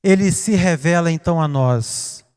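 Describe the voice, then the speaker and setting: A man with a Brazilian Portuguese accent preaching a sermon, dramatic, swinging from hushed to loud. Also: on the high side, normal speed, smooth. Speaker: pastor. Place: church. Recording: reverberant church hall.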